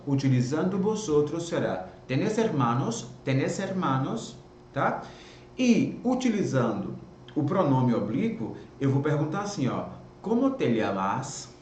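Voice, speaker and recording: A man's voice: fairly high pitch, a little mellow, roomy sound, a little hiss or hum. A Brazilian man with a Bahian accent teaching Spanish in a live online lesson, repeating words as drills and checking in with "tá?" after each point. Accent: Bahian Portuguese. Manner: drills words by repeating them, ends phrases with "tá?".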